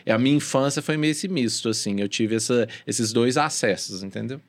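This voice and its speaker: A man with a Minas Gerais accent talks in a loose, rambling way as he recalls old street games. His voice is medium in pitch, with a relaxed podcast delivery. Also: moderate pace. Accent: Minas Gerais Portuguese. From Brazil. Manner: rambling, laid-back explaining. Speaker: podcast co-host. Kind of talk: casual chat.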